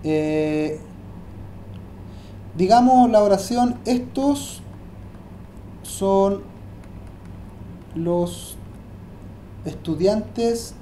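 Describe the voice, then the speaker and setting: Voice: mid-range voice, expressive, extremely slow, long pauses, dark tone, roomy sound, a little hiss or hum. Hesitant teacher. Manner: hesitant, repeats words while thinking aloud. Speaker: Hebrew teacher. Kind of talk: online language lesson.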